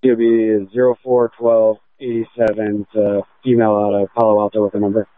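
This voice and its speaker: A police officer calling in over a two-way radio, giving clipped code words and spelling names out phonetically. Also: male voice, fairly low pitch, level tone, a little fast, no echo. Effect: heard over a two-way radio. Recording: tinny dry radio transmission.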